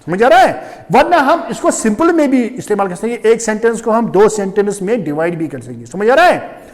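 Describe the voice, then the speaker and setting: A man's voice: high-pitched, very animated, a little fast, in a large hall. A male English teacher giving a classroom lecture, explaining step by step and checking again and again whether the students understand. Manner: repeats "do you understand?" often, explains step by step.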